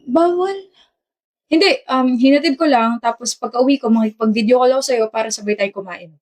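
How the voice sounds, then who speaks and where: Woman doing skit lover, teasing n bickering, kinda high voice. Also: darkish tone, close to an everyday voice. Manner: teasing, bickering back-and-forth. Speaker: skit actor. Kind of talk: scripted romantic skit dialogue.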